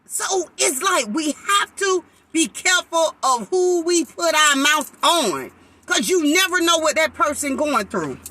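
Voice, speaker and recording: A woman preaches, fervent and emphatic. Her voice sits very high and sounds bright and sharp. It jumps all over her range as she drives her points home. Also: big pitch swings, measured pace. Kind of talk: sermon-style live talk.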